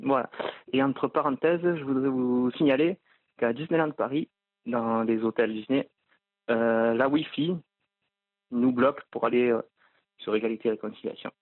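A man leaves a voicemail over a tinny, phone-like line. His pitch sits mid-range, and the sound is close and dry. He hesitates often and fills the gaps with "euh" as he works toward his question. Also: fairly even intonation, dry recording. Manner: hesitant, filled with pauses and "euh". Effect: leaving a voicemail over the phone. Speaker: caller.

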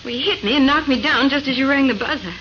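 A woman's voice: sits high, fast, natural voice. An actress playing a plucky, chatty detective's assistant in an old American radio drama, with eager, girlish exclamations. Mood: plucky, rattled. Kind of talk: mid-century American radio drama acting. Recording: muffled, noisy vintage radio recording.

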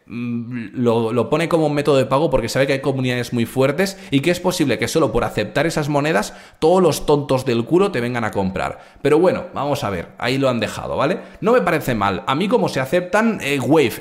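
Guy from ranting at his chat about crypto, crude and animated, voice jumps up and down a lot. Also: medium pitch. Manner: brash, crude, animated, talks straight to chat. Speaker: crypto trading streamer. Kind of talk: live stream market commentary.

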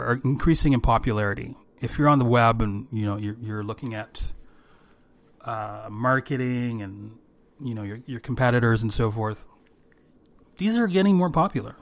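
A man hosting an informal solo podcast of business tips in a strained, worn voice, speaking haltingly and often repeating words. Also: medium pitch, no echo. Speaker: podcast host, creative director.

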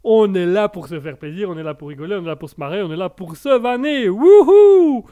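A man's voice: high-pitched, lively intonation, fast, darkish tone, highs cut off. A man hosting a live radio call-in show in a playful, joking way, often hesitating and restarting. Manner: playful, jokes with his own made-up characters; hesitant, with many fillers and restarts. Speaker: radio host. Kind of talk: casual live call-in chat.

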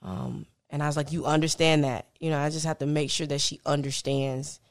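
A woman with a notably low voice talks through her stories in a relaxed, conversational way. She laughs easily as she goes. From time to time she turns playful and animated. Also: brisk, gravelly. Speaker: guest, business founder. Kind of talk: casual interview chat.

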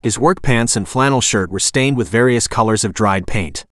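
A man narrating an audiobook in the first person with expressive storytelling. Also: mid-range voice, normal speed, no room sound, clean studio sound.

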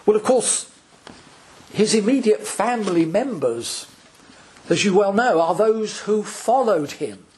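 A male priest preaching a sermon, slow and deliberate, with dramatic pauses between phrases. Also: high voice, lively intonation, darkish tone.

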